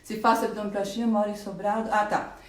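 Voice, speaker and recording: A woman plastic surgeon with a Brazilian Portuguese accent who answers viewers' questions in a live stream, talks fast and with enthusiasm, and explains while pointing and drawing. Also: medium pitch, level tone. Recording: roomy echo, voice a bit far from the mic.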